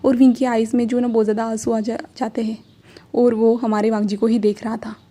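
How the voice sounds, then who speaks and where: A woman's voice: a little high, little pitch movement, brisk, mellow. A woman casually narrating a fan-fiction story, retelling it with many fillers.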